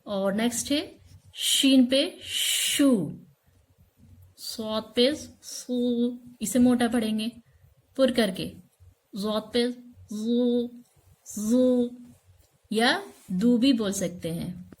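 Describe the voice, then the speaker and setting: Woman teacher drilling syllables one by one, slow and patient, voice on the high side. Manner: patient, drills sounds slowly, repeats syllables; checks in with the listener often. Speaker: religious studies teacher. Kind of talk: recorded recitation lesson.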